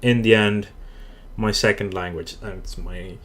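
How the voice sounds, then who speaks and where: A gaming channel host with a Dutch accent commentates his own strategy game in a relaxed, unscripted let's play, speaking at a measured pace in a somewhat low voice. He thinks aloud and restarts sentences as he goes, with keyboard typing clicking behind him.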